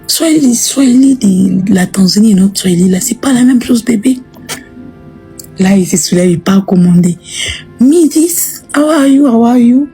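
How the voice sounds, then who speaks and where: A woman's voice: mid-range voice, warm tone. A woman with a Congolese French accent chatting playfully to followers on a live stream, teasing and repeating words. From Democratic Republic of the Congo. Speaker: livestream host. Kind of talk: casual live chat with followers.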